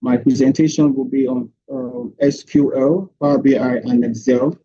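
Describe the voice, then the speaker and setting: Dark husky guy presenting a project on a screen-recorded video call, dull lo-fi sound, lots of ums. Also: medium pitch, normal speed, a little hiss or hum. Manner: steady walkthrough with frequent hesitant "um"s. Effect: voice heard over a screen-recorded online meeting. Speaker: student presenting a capstone project. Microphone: computer or headset mic on a video call. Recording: dull lo-fi online call audio.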